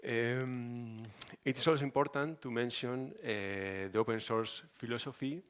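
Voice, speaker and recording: A Spanish architect with a strong accent presents a project at a conference, halting and hesitant with frequent pauses. His voice is mid-range, steady and smooth.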